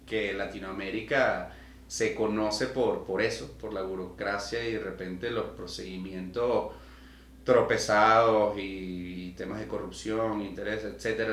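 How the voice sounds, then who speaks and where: Venezuelan man hosting, in an echoey room. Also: fairly low pitch. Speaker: podcast host. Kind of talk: casual interview conversation.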